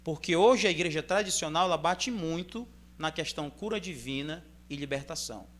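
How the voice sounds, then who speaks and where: A man with a Brazilian accent, reading scripture aloud in measured phrases and then explaining it in a loose, conversational sermon style. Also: a little high, animated. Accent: Brazilian Portuguese. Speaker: preacher. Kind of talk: Bible reading and informal sermon commentary.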